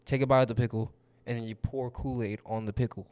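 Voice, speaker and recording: A man's voice: medium pitch, fairly even intonation, quick pace, darkish tone, smooth, dry recording. A young man chatting casually as a podcast co-host in a slangy, profane frat-bro manner. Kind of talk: casual chat.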